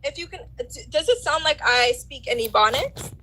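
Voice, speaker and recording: A woman's voice: high voice, animated, fairly quick, crowd noise, rough recording. A woman with an American accent in a heated online debate, defiant and insistent, repeating her points. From United States.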